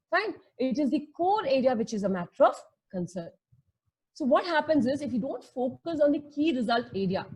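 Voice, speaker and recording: A woman's voice: high voice, warm tone, husky, poor audio. A woman with an Indian accent teaching a lesson in a conversational way, explaining with everyday examples and checking in with questions. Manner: conversational, checks in with rhetorical questions and tag words; mixes Hindi phrases into English.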